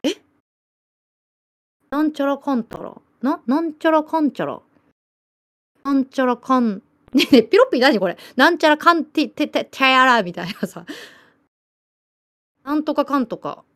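A woman in her late thirties with a bright, high voice and a Nagasaki island accent chats casually with her livestream viewers. She tells animated stories, giggles often, and reads out their comments. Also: moderate pace, long pauses. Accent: Nagasaki island dialect. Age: late 30s. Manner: chatty, giggly, animated storytelling. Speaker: livestream host.

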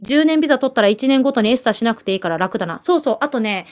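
A woman's voice: fairly high pitch, very fast. A woman in her late thirties from Japan, with a Nagasaki island accent, chatting casually on a livestream, reading viewer comments and telling stories with giggles. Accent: Nagasaki island dialect. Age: late 30s. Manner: chatty, giggly, animated storytelling. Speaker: livestream host.

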